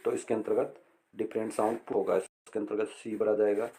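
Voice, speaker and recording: A middle-aged male teacher explaining an English lesson slowly and patiently, repeating words and reading phrases aloud. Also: on the low side, flat delivery, mellow.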